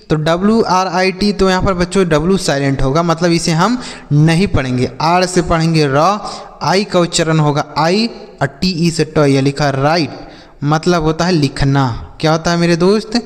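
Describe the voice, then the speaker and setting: Hindi-accented male teacher spelling words slowly. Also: fairly high pitch, long reverb tail. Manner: spells letters slowly, then asks and answers his own questions. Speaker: English reading teacher. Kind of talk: spelling-out lesson for children.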